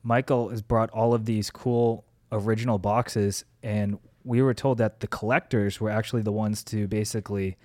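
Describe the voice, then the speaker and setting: Wisecracking podcast co-host, dry sound. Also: male voice, fairly low pitch, steady tone, normal speed, hardly any pauses, darkish tone, dry recording. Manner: wisecracking, teasing. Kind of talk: casual podcast chat.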